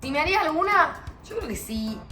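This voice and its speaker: Chatty young Argentine woman, bright voice. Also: high-pitched, sing-song, fairly quick. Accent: Rioplatense Argentine Spanish. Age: young adult. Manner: chatty, self-mocking, slangy. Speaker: vlogger. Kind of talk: casual chat to camera. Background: music.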